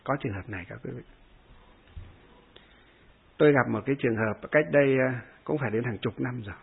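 A man's voice: mid-range voice, fairly quick. A man, a Buddhist monk, giving a dharma talk that answers a follower's question, explaining step by step with many hesitation fillers and short chanted verses. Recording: husky voice over tinny phone-like line.

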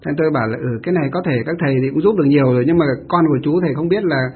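A man's voice: a little high, rapid-fire, husky, phone-quality sound. A man, a Buddhist monk giving a storytelling dharma talk who asks rhetorical questions and answers them himself.

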